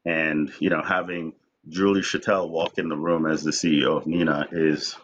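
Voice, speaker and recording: Deep-voiced man, reflective interview guest. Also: flat delivery, moderate pace, a bit bright, a little hiss or hum. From Jamaica. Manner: reflective, repeats words when starting. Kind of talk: conversational interview. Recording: dull lo-fi sound.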